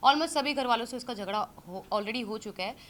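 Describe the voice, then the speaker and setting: A woman in her thirties, an interview guest, giving critical views in a measured, hesitant way. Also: on the high side, fairly bright tone. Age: 30s. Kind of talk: casual interview talk.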